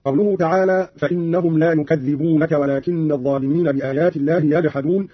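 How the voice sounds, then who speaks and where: A man giving a formal, instructive radio explanation of Quran reading variants, quoting verses and then explaining them in a measured way. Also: a little high, fairly even intonation, no echo. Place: radio studio. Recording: muffled old radio broadcast.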